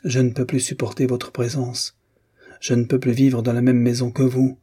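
Man reading a curt, defiant young wife, husky and mellow, audiobook reading. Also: medium pitch, monotone, normal speed, close to an everyday voice. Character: proud, frightened young wife.

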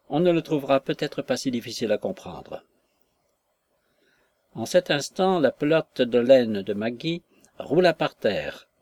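A man reading a classic novel aloud as an audiobook narrator, in a measured, even manner. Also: mid-range voice.

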